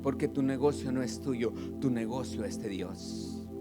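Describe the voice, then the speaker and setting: A man with a Mexican Spanish accent preaching a sermon as pastor, animated, acting out the voices of congregants. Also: mid-range voice, measured pace. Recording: music playing behind.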